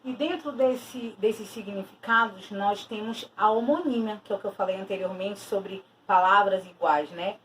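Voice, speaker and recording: A woman's voice: medium pitch, normal speed, hardly any pauses, a bit bright. A woman teacher giving a recorded lesson, explaining patiently and stressing key terms as she repeats them. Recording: distant mic with faint noise.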